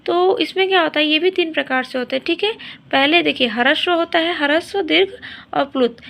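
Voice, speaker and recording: High gravelly-voiced woman teacher. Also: a little fast, fairly bright tone. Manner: explains step by step, often repeats "theek hai" to check in. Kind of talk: exam-prep grammar lesson.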